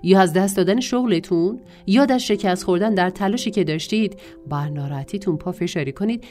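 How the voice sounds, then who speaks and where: A woman narrating a self-help audiobook in a measured reading voice, drawing out lists of words. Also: mid-range voice, mellow, faint music behind.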